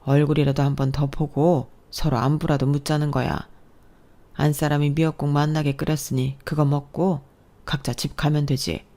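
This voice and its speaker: A woman voicing a calm older father-in-law in a storybook narration, speaking in a mild, mediating way. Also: low-pitched, moderate pace.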